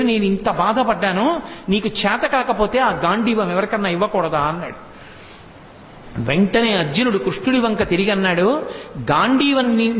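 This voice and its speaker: A man giving a devotional discourse, telling a story and acting out its characters' lines. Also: high-pitched. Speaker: religious discourse speaker. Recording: echoey hall, slightly dull sound.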